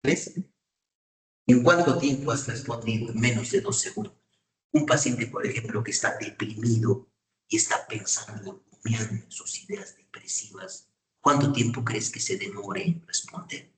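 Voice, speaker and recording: A male lecturer teaching a class, pausing often to ask his students whether they follow. His voice sits at an ordinary pitch. It rings in an echoey room and is picked up from some distance away. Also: animated. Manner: asks frequent checking questions to students. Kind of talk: university lecture on psychopathology.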